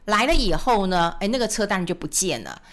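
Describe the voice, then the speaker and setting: A woman's voice: medium pitch, fairly quick. A woman, a radio finance host telling a story and acting out the voices she quotes. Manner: animated, acts out quoted voices. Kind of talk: storytelling commentary.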